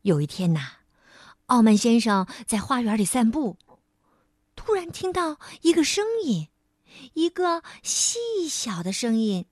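A woman narrating a bedtime story for young children, gently speaking to the child as her little darling. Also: fairly high pitch, very animated, measured pace, no room sound, studio quality. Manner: gentle, addresses the child as baby.

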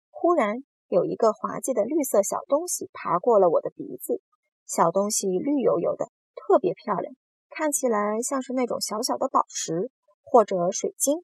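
A woman voicing a boastful, cheeky male giant centipede in a storybook reading, bragging and teasing loudly. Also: mid-range voice, vocal fry, breathy edge, no echo.

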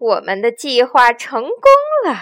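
A woman voicing a boastful male weasel bandit chief who jeers loudly at the hens, for a children's story. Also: fairly high pitch, normal speed, no echo, studio quality. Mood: gloating. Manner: loud, gloating and jeering.

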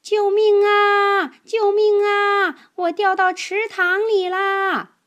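A woman doing a squeaky young boy elephant prankster. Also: sing-song, a little slow, a bit bright, highs cut off, full character voice. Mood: calling out. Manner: high squeaky calls, drawn out. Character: mischievous young male elephant cousin, prankster.

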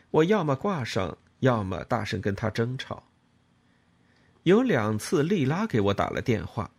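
A man reads a novel aloud in a dramatic, expressive way. His voice is husky, and his pitch rises and falls widely as he tells the story. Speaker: audiobook reader. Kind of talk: scripted novel narration.

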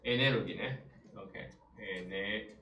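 A man teaching Japanese vocabulary, explaining each word and asking rhetorical questions, with many drawn-out "ah" fillers. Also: fairly low pitch, bright, forceful tone, a little hiss or hum. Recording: roomy echo, mic at a distance, faint ambience.

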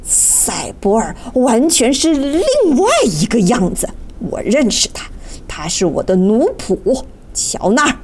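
A woman's voice: on the high side, sing-song, slow pace, a little mellow. A woman voicing a hot-tempered old male sorcerer who snaps and growls his questions in a children's storybook. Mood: angry.

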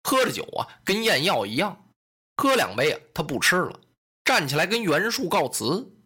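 A man telling a traditional historical story in animated, colloquial narration. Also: on the high side, normal speed, slightly rough.

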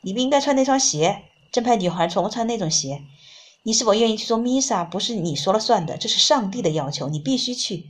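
A woman reader voicing a genteel but domineering religious mother who scolds in a soft, firm tone. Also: medium pitch, lively intonation, fast, voice pushed up, natural voice. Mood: scolding. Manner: gently scolding, firm and commanding.

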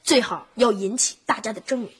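A woman's voice: on the high side, fairly quick, over a noisy crowd, very noisy, natural voice. A woman playing a cheeky, dramatic teenage boy in a family sitcom, given to mock outbursts. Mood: theatrical.

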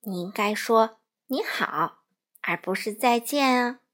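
A woman voicing a patient, gentle koala mother who corrects her child with slow, drawn-out words. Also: a little high. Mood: gentle correcting.

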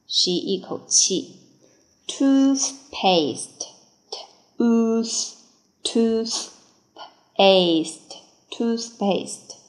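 A woman with a slightly low voice runs a vocabulary drill at a very slow, deliberate pace. She repeats each word several times before giving its part of speech and meaning. The room around her sounds echoey. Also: vocal fry. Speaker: English vocabulary teacher. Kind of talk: word-by-word spelling and dictation drill.

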